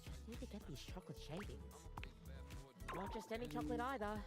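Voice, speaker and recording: Woman playing chatty game barista, eager customer service voice, very quick, music behind. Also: medium pitch, big pitch swings, close to an everyday voice. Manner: bright, polite customer service voice. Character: friendly female barista, chatty, eager to please. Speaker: coffee seller. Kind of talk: video game voice acting. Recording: clear background music.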